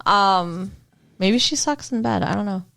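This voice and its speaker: A woman's voice: medium pitch, expressive, a little slow, creaky, a bit bright. A woman co-hosting a podcast, recapping a TV episode in chatty, wry casual conversation and swearing casually. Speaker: podcast co-host.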